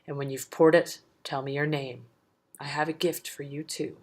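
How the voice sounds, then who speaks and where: Big savage cyclops guy growling and bellowing, read by a woman, low voice. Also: steady tone, normal speed. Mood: demanding. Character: huge savage one-eyed male cyclops.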